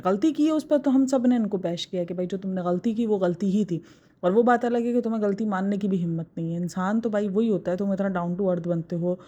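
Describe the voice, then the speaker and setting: Speaking in a mellow, mid-range voice, this Pakistani woman vlogs her opinions about other vloggers. Her tone is casual yet emphatic, and she addresses critics head-on.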